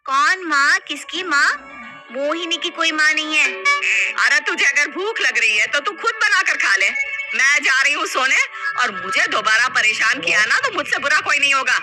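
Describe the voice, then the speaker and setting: A woman voicing a rude, bossy young wife who shouts insults at her mother-in-law in a storybook tale. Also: high voice, very animated, moderate pace, loud music behind the voice. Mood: defiant. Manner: harsh, taunting, shouting insults. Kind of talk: storybook voice acting.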